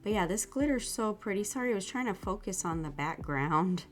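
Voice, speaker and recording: A woman hosts her own nail art channel, casually chatting through a product review in a soft, gushing way while a little sick with an irritated throat. Her medium-pitched voice is expressive and fairly quick, with faint music playing behind her.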